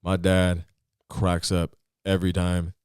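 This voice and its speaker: A young man from Northern California, a guest actor, chatting casually on a podcast in an animated, joking, profane way. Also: low-pitched, slow, smooth, no echo, clean studio sound.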